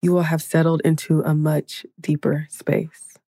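Slow, low-voiced woman guiding meditation. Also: level tone, no room sound, clean studio sound. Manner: slow, soothing, hushed counting. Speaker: meditation guide. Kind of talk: guided meditation.

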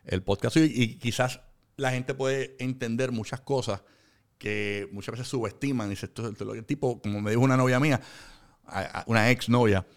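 A man's voice: medium pitch, a little fast. Rambling radio man. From Puerto Rico. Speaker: radio host, guest. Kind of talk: casual interview.

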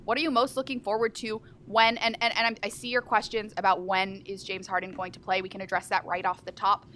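A woman's voice: medium pitch, little pitch movement, a little fast, sharp tone, a little hiss or hum. A woman from Houston hosting a live basketball talk show, speaking with enthusiastic emphasis. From Houston, Texas. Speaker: sports show host.

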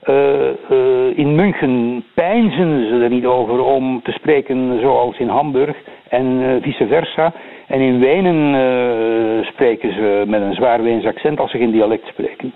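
Older Belgian guest, Belgian Dutch accent, halting delivery full of "eh"; tinny phone-line sound. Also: male voice, medium pitch. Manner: hesitant, many fillers and repeated words. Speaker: guest commentator. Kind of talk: radio interview by phone.

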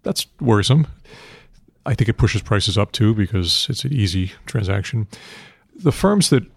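An older man answering interview questions on finance in a measured, matter-of-fact investment banker manner, heavy with industry jargon. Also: fairly low pitch, expressive, vocal fry, husky, dry recording. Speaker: institutional investment manager being interviewed.

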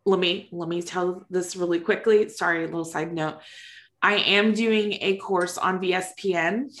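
A woman's voice: on the low side, steady tone, moderate pace. A woman co-hosting a casual podcast, recorded with a big echo in a large, empty room. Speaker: podcast co-host.

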